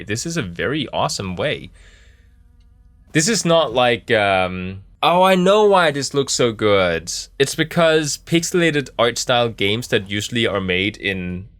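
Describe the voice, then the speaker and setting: Man, game streamer, lowish pitch, dry close sound, casual playthrough commentary, rambling, laid-back, joking. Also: fairly bright tone, no echo. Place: small office in a camper.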